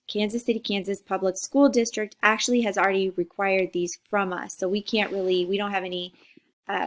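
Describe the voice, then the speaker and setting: A woman in her forties from Costa Rica, a teacher talking students through a class introduction video in a friendly, chatty way. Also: mid-range voice. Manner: friendly, chatty, checks in with "okay?".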